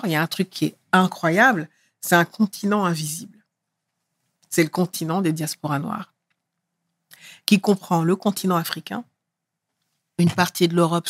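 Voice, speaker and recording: A middle-aged actress from France speaking in a relaxed interview, lively and emphatic as she tells her story. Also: lowish voice, no echo, studio quality. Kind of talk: casual interview talk.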